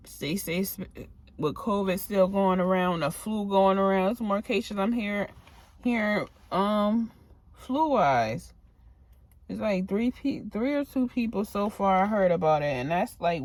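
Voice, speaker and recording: Here a vlogger employed as a medical assistant gives casual advice to camera, meandering across topics and sounding weary and a little out of breath. Her mid-range voice comes through a dry recording.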